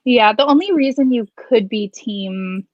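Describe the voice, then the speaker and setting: A woman's voice: on the high side, unhurried, darkish tone, no echo. A woman chatting casually with friends in a wry, candid, hesitant way on slightly muffled audio. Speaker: guest on a book chat livestream. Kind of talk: casual group chat.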